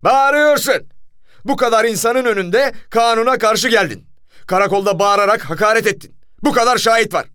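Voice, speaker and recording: A man voicing a stern, loud police commissioner who barks orders. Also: medium pitch, lively intonation, a little fast, smooth, dry recording, clean studio sound, close to an everyday voice. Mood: shouting angrily. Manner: barking orders, shouting.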